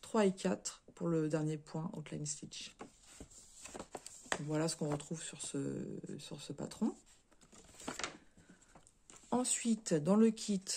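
A woman's voice: lowish voice, dark tone, slight background noise. A middle-aged woman hosting a casual crafting vlog, hesitant, with many fillers and restarts. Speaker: crafting channel host.

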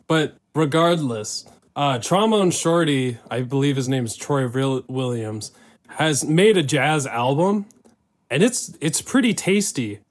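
A man hosts a loose, casual conversation. He rambles and stresses his opinions hard, with plenty of fillers and the occasional swear word. His voice sits at an ordinary middle pitch. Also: animated, a little slow. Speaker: podcast host. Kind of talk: casual chat.

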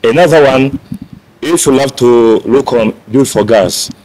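A man's voice: mid-range voice, a little slow, a little mellow, poor audio. A journalist man asking playful, politely formal questions at a press event.

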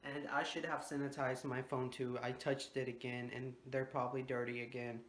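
A young adult man, a native Spanish speaker with a Mexican Spanish accent, rambles casually in a vlog while holding his phone at arm's length in his home bathroom and bedroom. His mid-range voice moves at a moderate pace with little pitch movement, and he swears offhandedly and slips in Spanish words.

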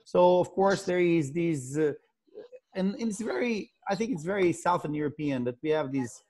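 This sailing company CEO, a middle-aged guest on a video call with a Portuguese accent, keeps stumbling over repeated words, restarting with "and" again and again. His voice is on the high side, expressive and darkish.

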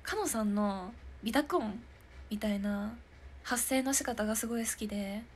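A woman's voice: mid-range voice, normal speed, a little hiss or hum. A young woman in her twenties hosting a stream, chatting casually and giggling as she answers viewer comments. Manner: giggly and chatty, often laughing. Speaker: idol hosting a live stream talk show.

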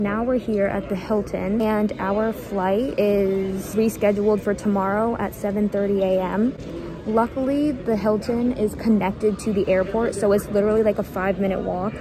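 A young woman talks casually into a camera held at arm's length, narrating and explaining as she goes. Her voice sits at a middle pitch, and the murmur of a busy airport crowd is heard behind her. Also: rough recording. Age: young adult. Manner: chatty and explanatory, with frequent "like". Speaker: vlogger. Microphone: handheld camera at arm's length.

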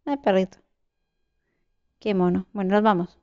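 Chatty Spanish woman gamer, smooth voice. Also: mid-range voice, fairly even intonation, moderate pace, darkish tone, no echo, muffled recording. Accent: Spain Spanish. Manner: chatty, talks to herself, sudden shrieks and swearing. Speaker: gameplay streamer. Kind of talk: casual gameplay commentary.

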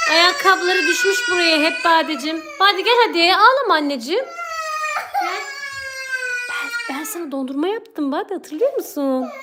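A woman filming a home vlog, coaxing and soothing her crying children while talking to viewers. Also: extremely high pitch. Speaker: mother and channel host. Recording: loud background noise.

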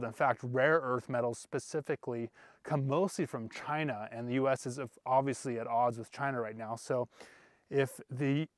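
A man in his thirties hosting an investing vlog outdoors, explaining in an earnest, steady way while walking on a lapel mic. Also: medium pitch, no room sound, clean studio sound. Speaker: investing channel host. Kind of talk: walking talking-head vlog. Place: outdoors in a small desert mining town. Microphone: lapel mic, selfie-held camera.

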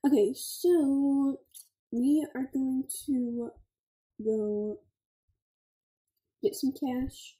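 A woman's voice: sits high, very slow, long pauses, dark tone, echoey room, poor audio. A young woman, giving chatty, scattered gameplay commentary full of "like" and "okay" as a gaming channel host.

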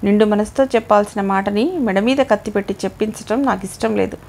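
A woman's voice: medium pitch, a little fast, gravelly, a little mellow, slight background noise, close to an everyday voice. A woman voicing a dignified, long-suffering mother in an audio novel, firm and restrained.

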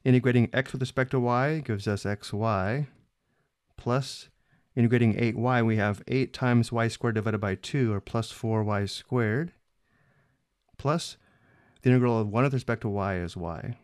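Man, math teacher, calm steady walkthrough, mid-pitched voice, dry close recording. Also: measured pace, clear, resonant tone, no room sound. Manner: steady, methodical, step-by-step explaining. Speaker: math instructor. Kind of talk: screencast math lesson.

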